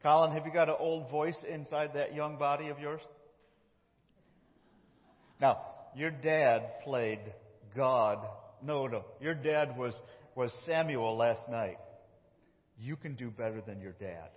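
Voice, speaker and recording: A pastor telling a Bible story during a sermon, acting out its lines with animated voices and directing children who act it out. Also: male voice, medium pitch, takes it slowly, pauses often. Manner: animated, reads dialogue in lively voices. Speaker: lead pastor. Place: church sanctuary. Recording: muffled, echoey church hall.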